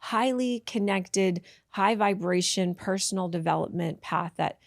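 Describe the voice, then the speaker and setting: A woman, a tantra teacher appearing as a podcast guest, shares her life story frankly and reflectively, often restarting sentences and adding soft asides. Her medium-pitched voice is unhurried with vocal fry. The recording is dry and studio quality.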